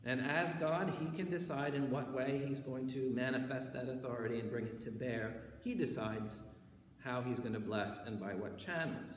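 A man's voice: medium pitch, moderate pace. A man preaching a sermon as pastor, in a conversational way, often checking in with "right?" and "okay". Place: church sanctuary. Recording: echoey church hall with faint background noise.

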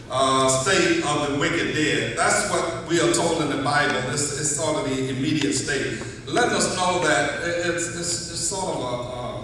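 A middle-aged man preaching a sermon in a large church sanctuary, teaching in a measured way and slowing down for emphasis. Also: fairly high pitch, pushed and bright, slight background noise. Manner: measured teaching delivery, slows for emphasis, occasional restarts. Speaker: pastor. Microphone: far camera at back of church. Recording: echoey church hall from far off.

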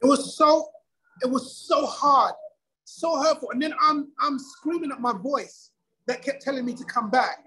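A middle-aged man telling his own story in a casual interview, lively and acting out quoted dialogue. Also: extremely high pitch, moderate pace, rough recording. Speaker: guest.

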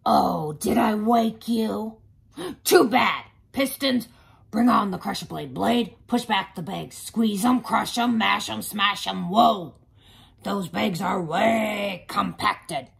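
Lady putting on loud over the top garbage truck voice, gruff n greedy, raspy, storybook. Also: medium pitch, takes it slowly, exaggerated voice. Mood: roaring, gleeful. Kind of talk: children's picture book read-aloud.

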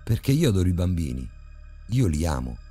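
A man's voice: low-pitched, sing-song, a little fast, dark tone, breathy edge, no room sound, faint music behind, exaggerated voice. A man voicing a middle-aged male child killer who taunts in a sickly sweet, mocking way.

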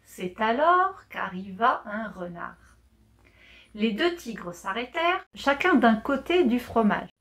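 A woman slowly reading a children's story aloud for learners, clear and deliberate with gentle expression. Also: on the high side, sing-song.

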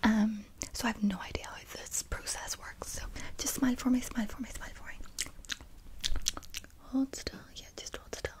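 A woman in her twenties doing a whispered role-play as a medical attendant, close to the mic in a breathy, tingly ASMR whisper, softly repeating words and phrases. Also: a little high, fairly even intonation, moderate pace. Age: 20s. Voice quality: breathy, mostly unvoiced whisper. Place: small indoor room.

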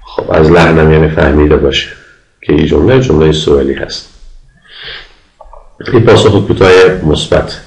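A man with an Afghan Dari accent giving a recorded grammar lecture, patiently explaining and slowly repeating example sentences. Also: rumbling low, gravelly, darkish tone, reverberant, low-quality recording. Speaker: university English lecturer.

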